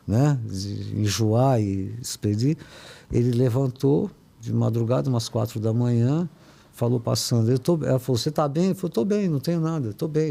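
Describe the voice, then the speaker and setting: An older man from Brazil, a podcast guest, telling a personal family story in a halting way, with many restarts and tag questions. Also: mid-range voice, creaky, warm tone.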